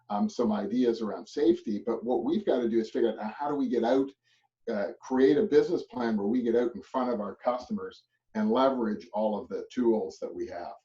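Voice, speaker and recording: A man's voice: medium pitch, normal speed, warm tone. Rambling Canadian man coaching agents. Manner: rambling, repeats "right?", chuckles often. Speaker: real estate coach. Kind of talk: motivational presentation. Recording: distant muffled mic.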